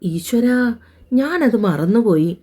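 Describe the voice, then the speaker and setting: A woman's voice: a little high, big pitch swings, takes it slowly, mellow, slightly rough, heavily acted. Give me a woman playing a spirited young nurse for an audio romance.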